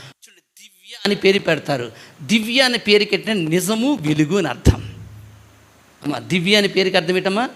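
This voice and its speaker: Guy pastor from telangana preaching, high bright voice, keeps asking the crowd to shout back. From Telangana, India. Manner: asks the congregation questions, urges loud responses; rises to high chanting emphasis on scripture lines. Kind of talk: sermon. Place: village church hall.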